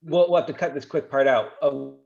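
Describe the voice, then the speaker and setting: A man's voice: mid-range voice, steady tone, a little fast, gravelly, darkish tone. Middle-aged man, casual chat over a glitchy breaking-up call, dull lo-fi sound, stammers and restarts. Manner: stammering, repeats his first words. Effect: choppy video call connection breaking up. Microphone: video call. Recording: dull lo-fi choppy internet call.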